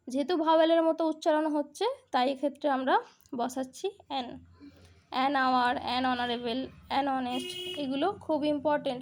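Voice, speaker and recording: A woman's voice: sits high, a little mellow. A woman, teaching a grammar lesson step by step through examples.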